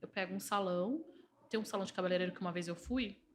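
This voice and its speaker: A woman speaking with a Brazilian Portuguese accent as a guest in a podcast conversation. She talks in an animated, persuasive way and makes her points through anecdotes from work. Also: mid-range voice, fast, a little hiss or hum. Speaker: entrepreneur and organizational systemic therapist.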